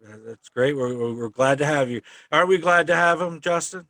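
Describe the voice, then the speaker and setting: A man hosting a podcast in casual chat, with a halting, stammering delivery. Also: a little high, a bit bright, no echo. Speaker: podcast host.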